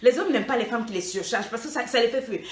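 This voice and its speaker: A woman coach speaks in a high, bright register while she teases her listeners about their relationships and drops English phrases between sentences. Her voice bounces around a roomy, echoing space. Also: rapid-fire, over loud music. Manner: teasing, mixes English phrases, lively mimicry. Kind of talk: animated coaching talk.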